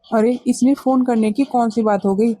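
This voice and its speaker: A woman's voice: a little high, steady tone, normal speed, mellow, no echo, pitched below the performer's own voice, lightly acted. A woman voicing a busy husband in a family cartoon, brusque and dismissive. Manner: brusque, impatient. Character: busy office-going husband, curt and dismissive.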